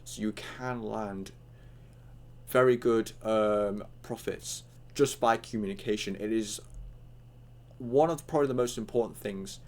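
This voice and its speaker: A man's voice: lowish voice, a little slow. A young man with hiccups giving a casual, rambling online tutorial, full of fillers and acted-out chat lines.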